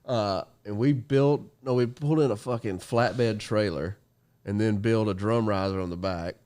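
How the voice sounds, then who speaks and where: A man's voice: on the low side, moderate pace. A man on a casual podcast, telling rowdy stories full of swearing and laughter. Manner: animated, swearing, laughing storyteller. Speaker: podcast guest. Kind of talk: casual profane storytelling.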